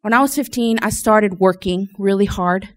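A woman's voice: mid-range voice, normal speed. A woman from Louisiana giving an informal personal testimony to a group, hesitant and often searching for her words. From Louisiana, United States. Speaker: church member giving testimony.

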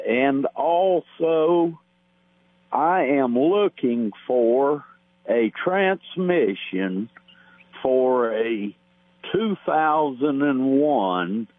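Slow-talking man calling in over the phone. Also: medium pitch, no echo. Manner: plain, unhurried, with many filler pauses. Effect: heard over the phone. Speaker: caller. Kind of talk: call-in classified listing. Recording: tinny phone line with hum.

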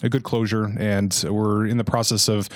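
A man co-hosting a casual podcast, talking in a relaxed way with frequent ums and uhs. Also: lowish voice, normal speed, no echo. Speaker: podcast co-host.

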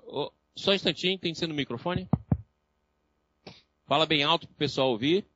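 A lecturer with a Brazilian Portuguese accent speaks in a high, bright voice while teaching a live class at a moderate pace. He tells lively stories, acting out his patients' voices as he goes. The recording is dry, a bit dull, and has no echo.

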